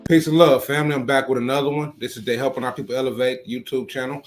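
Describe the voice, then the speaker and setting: A man's voice: mid-range voice, steady tone, quick pace, soft background music. A man hosting a casual interview, easygoing and full of conversational fillers. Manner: easygoing, lots of "you know what I'm saying". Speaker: host.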